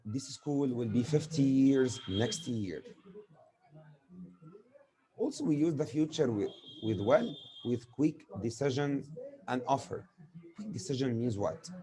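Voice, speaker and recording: A man speaks slowly, leaving long pauses, with a medium-pitched, expressive and warm voice, but the recording is poor. He is a native Arabic speaker with an Egyptian accent, teaching grammar through examples and answering the questions he asks himself.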